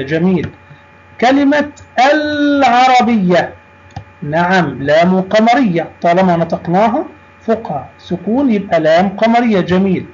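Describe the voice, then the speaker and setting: A man teaching a recorded lesson to young pupils, drawing out each word slowly and saying "good" often. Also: high voice, a little mellow. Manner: slow, drawn-out words, with frequent approving "good". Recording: dull, lo-fi recording.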